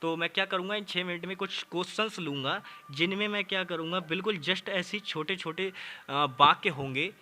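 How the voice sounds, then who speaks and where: Man, teacher, high-pitched, very bright tone, chatty online class, calls students brother. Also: moderate pace, slight background noise. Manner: chatty, addresses students as brother, repeats "okay" often. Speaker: Hindi teacher.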